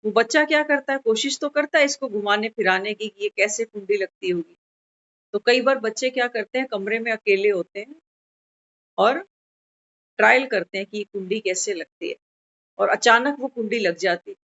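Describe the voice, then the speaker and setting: A woman's voice: moderate pace, a bit bright. A woman giving a devotional sermon, telling a parable and acting out the voices of a parent and a child. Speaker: spiritual speaker. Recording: dull, muffled low-fidelity recording.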